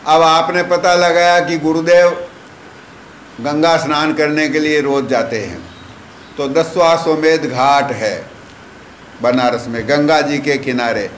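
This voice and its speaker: A man's voice: a little high, a bit bright. A man giving a sermon, retelling a saint's tale and voicing its dialogue. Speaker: preacher. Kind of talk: sermon storytelling. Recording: echoey room with faint ambient noise.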